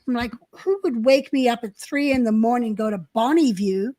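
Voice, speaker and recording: High-voiced older woman reminiscing. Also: moderate pace, warm tone. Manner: reminiscing, chatty with fillers. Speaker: co-host. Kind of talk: casual live-stream chat.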